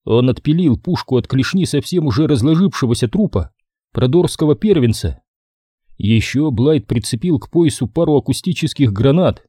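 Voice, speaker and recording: A man reading an audiobook with a mellow, dark tone and an expressive delivery. His pitch moves freely, and the recording is dry and close with no room sound. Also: normal speed, husky, dry recording. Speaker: audiobook narrator. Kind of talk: scripted narration.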